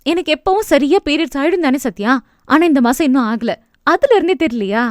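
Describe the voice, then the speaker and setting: A woman's voice: high voice, lively intonation, a little fast, darkish tone, no echo, clean studio sound. A woman voicing a hopeful young wife in an audio novel, talking in a raised, eager and pleading voice.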